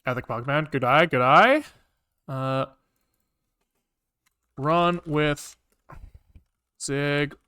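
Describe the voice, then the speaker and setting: This livestreaming programmer draws out his words and leaves long pauses, his fairly high voice bright, forceful and smooth. He thinks aloud as he codes, rambling casually, repeating words to himself and cursing offhandedly.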